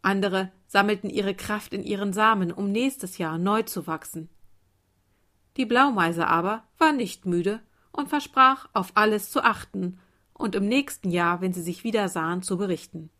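A woman reading a calm bedtime story aloud in a soft, gentle voice. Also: medium pitch, moderate pace. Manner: calm, soft, turning quieter.

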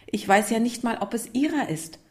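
A woman's voice: on the high side, normal speed, pitched above the performer's own voice, natural voice. A woman doing a cheerful little schoolgirl. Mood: defensive whisper. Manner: gentle, secretive whispering at times. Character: young schoolgirl, cheerful but torn.

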